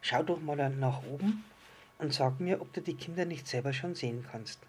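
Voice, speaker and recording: A man voicing a patient, kindly island fish who calmly explains things in a storybook reading. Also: fairly high pitch, moderate pace, breathy edge. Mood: explaining. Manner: calm, explaining, gently teasing.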